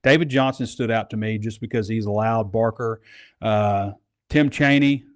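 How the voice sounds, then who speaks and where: A man's voice: on the low side, fairly even intonation, moderate pace. A man hosting a casual sports podcast, talking in a rambling, conversational way. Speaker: podcast host.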